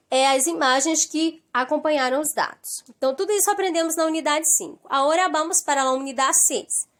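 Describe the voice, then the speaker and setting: High-voiced teacher reviewing vocabulary. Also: female voice. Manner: mixes Portuguese and Spanish, explains slowly with check-ins. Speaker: Spanish teacher. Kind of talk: recorded class review.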